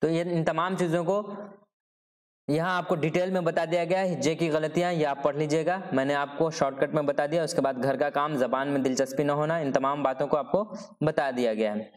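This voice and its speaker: A man lectures students for an exam, his voice sitting a little high for a man. He moves point by point, asks himself questions and answers them, and checks in with a steady "ठीक है" as he goes. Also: brisk. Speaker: teacher. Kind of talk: exam-prep lecture on Urdu pedagogy.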